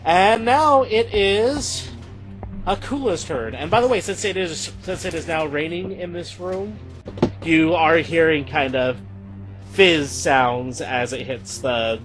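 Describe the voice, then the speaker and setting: Bright-voiced male game master. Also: on the high side, slow pace, soft background music. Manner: playful, laughs often. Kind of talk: narrating a tabletop game.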